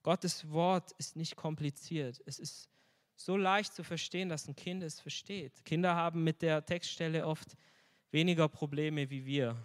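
A man's voice: a little high, fairly even intonation, measured pace. A man preaching with a somewhat raised voice, earnest and personal, turning to the congregation with questions. His voice carries a long reverb from a large church hall. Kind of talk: sermon.

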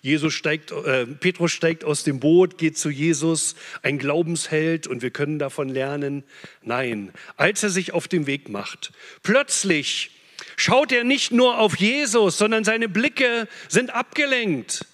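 A man preaching a sermon, impassioned, swinging between loud urgent peaks and hushed low phrases. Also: lively intonation, measured pace. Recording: long hall reverb.

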